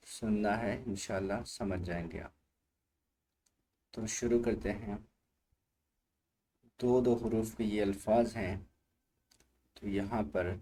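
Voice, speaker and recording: With a lowish, mellow voice, a man teaches Quran reading slowly, letter by letter, patiently repeating each one and asking the learner to say it aloud. There is slight background noise.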